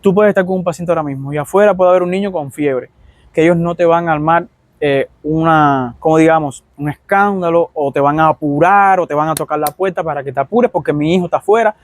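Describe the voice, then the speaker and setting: A man's voice: a little high, quick pace, no echo. A man with a Cuban accent, a doctor from Cuba, telling stories in a casual vlog and acting out his patients' complaints.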